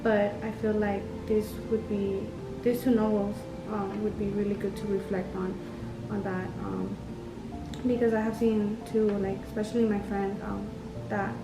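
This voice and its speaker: Young woman, college student, hesitant, flat delivery; roomy, distant recording with music behind. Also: medium pitch, measured pace. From Honduras. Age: young adult. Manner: hesitant, with many ums and likes. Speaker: community college student giving a testimonial. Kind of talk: unscripted testimonial. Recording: roomy, off-mic, music underneath.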